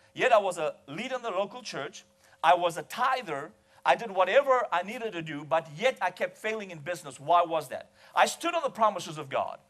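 A man's voice: high voice, a bit bright. A man preaching a sermon to a congregation, emphatic and calling for responses. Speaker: pastor. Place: church hall with a congregation.

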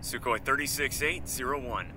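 A man playing a calm pilot on cockpit radio. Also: medium pitch, normal speed. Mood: businesslike. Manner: clipped, formal radio readbacks. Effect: radio transmission from a cockpit headset. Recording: distant, noisy cockpit radio audio.

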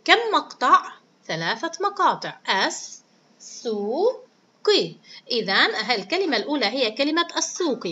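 Bright encouraging woman teacher. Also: high voice, very animated, fairly quick. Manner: encouraging, praises often, stretches words out syllable by syllable. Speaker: primary school teacher. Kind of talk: reading lesson for children.

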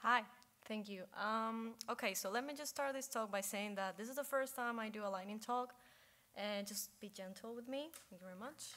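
A woman's voice: on the high side, moderate pace, bright, forceful tone, a little hiss or hum. A woman in her thirties giving an informal lightning talk on stage, conversational and casual. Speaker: software engineer, conference speaker. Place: conference stage in a hall.

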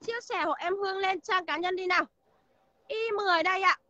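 A woman's voice: very high voice, brisk, sharp tone, dry recording, highs cut off. A woman selling used cars on a livestream, listing features and prices in a chatty way and greeting viewers by name. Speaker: used car seller. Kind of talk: livestream sales pitch. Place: outdoor used car lot.

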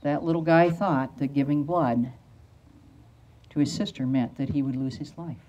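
Standing at an outdoor lectern with a microphone close to her mouth, an older woman pastor delivers a storytelling sermon in everyday language. Her low, mellow voice slows for emphasis on key phrases, and the sound is lo-fi.

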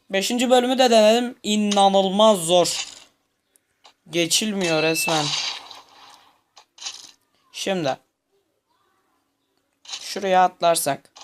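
A man's voice: sits high, slight background noise. A young man commenting on a game he is playing, muttering to himself, tense and easily frustrated. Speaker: gameplay commentator. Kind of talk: gameplay commentary.

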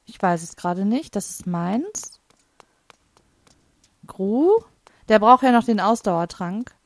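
A woman's voice: medium pitch, animated, slow, no echo. A woman casually commenting on her own gameplay. She thinks aloud, laughs a lot and makes wry, teasing remarks. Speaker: let's play host.

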